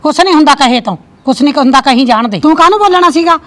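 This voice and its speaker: A woman plays a motherly village aunt with a Malwa Punjabi accent, her voice high and her manner soothing. She coaxes and comforts in a short film drama. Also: lively intonation, rapid-fire, fairly bright tone. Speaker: actor.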